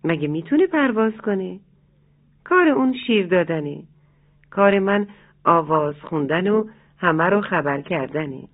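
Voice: medium pitch, lively intonation, pauses often. A storyteller doing a wise old father rooster. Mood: gentle, teaching. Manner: gently explaining, kind. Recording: tinny phone-like lo-fi sound.

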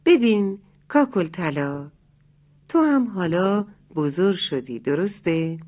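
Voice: mid-range voice, very animated. A storyteller doing an eager young rooster chick. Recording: tinny phone-like lo-fi sound.

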